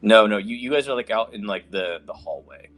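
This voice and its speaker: A man's voice: lowish voice, a little fast, fairly bright tone. A man narrating a tabletop role-playing game as game master, in a conversational, improvised way.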